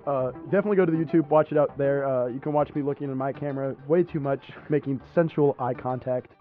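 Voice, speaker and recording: A man's voice: medium pitch, fast talker, faint music behind. A young man chatting casually as a podcast guest, with slangy, informal phrasing. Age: young adult. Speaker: podcast guest, film student. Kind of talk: casual chat. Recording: muffled phone-like audio.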